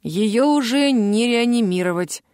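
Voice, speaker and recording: A woman's voice: on the high side, lively intonation, unhurried, darkish tone, smooth, no echo, clean studio sound. A woman voicing a nervous, apologetic middle-aged man who is a pathologist. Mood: matter-of-fact. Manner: timid, apologetic.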